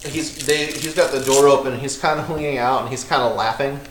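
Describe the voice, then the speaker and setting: A man's voice: medium pitch, steady tone, fairly quick, roomy sound, a little hiss or hum. A man running a tabletop game as dungeon master, narrating scenes and often breaking into laughter.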